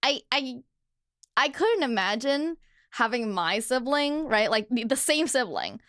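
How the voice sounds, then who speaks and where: A woman's voice: a little high, sing-song, measured pace, a bit bright, dry recording, clean studio sound. A woman hosting a podcast, telling stories in a casual chat with lots of fillers and laughter. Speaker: podcast host.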